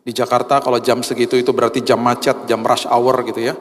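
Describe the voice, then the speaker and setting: A man preaching a sermon in a church, telling a personal story with lively acted-out quotes. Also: medium pitch, fast. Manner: animated storyteller, acts out quoted voices. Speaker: pastor. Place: church hall. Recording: long hall reverb.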